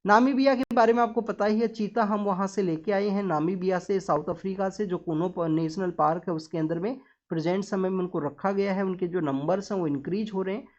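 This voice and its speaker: A woman's voice: mid-range voice, a little fast, darkish tone. A woman teacher giving a newspaper analysis lesson, talking straight to her students and explaining step by step with English terms mixed in. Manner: lecturing, often addresses students directly. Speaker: exam-prep teacher. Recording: slightly dull, muffled recording.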